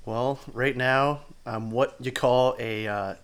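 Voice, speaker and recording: A man in his twenties, a podcast guest, chatting casually in a blunt, deadpan way and swearing freely. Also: medium pitch, slow pace, smooth.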